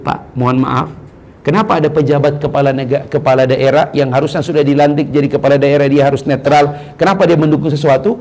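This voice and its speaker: Male preacher, raised and gravelly, rousing mosque sermon full of questions to the crowd and sudden hushed asides. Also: fairly high pitch. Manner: dramatic swings between loud exclamations and hushed asides; addresses the crowd with questions and playful skits. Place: large mosque hall.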